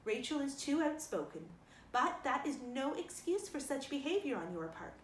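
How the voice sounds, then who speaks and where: A stern, upright middle-aged guardian from a storybook, voiced by a woman reader. She scolds in a measured, firm way with strongly moving intonation. The recording is roomy, with slight noise. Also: high-pitched, sing-song. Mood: firm, softer. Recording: roomy sound with faint noise.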